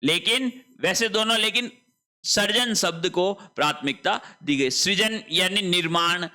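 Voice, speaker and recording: A man's voice: high voice, a little slow, bright, forceful tone. A male Hindi teacher giving an online spelling lesson, repeating each word and asking and answering his own questions.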